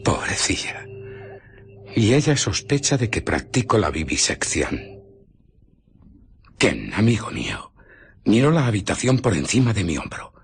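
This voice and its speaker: An obsessive, secretive scientist in a radio play, with an accent from Spain. His deep voice is heavily husky and breathy. He tells his tale with theatrical intensity and dramatic swings of intonation. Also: huge pitch swings, unhurried, pauses often, full character voice. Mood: muttering, contemptuous. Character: obsessive, irritable male scientist, brooding and secretive. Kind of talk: Spanish radio drama acting.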